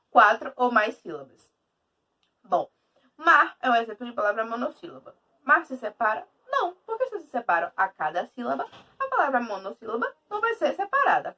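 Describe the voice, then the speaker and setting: A woman teacher with a Brazilian Portuguese accent giving a video lesson in an emphatic, lively way. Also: on the high side, distant mic.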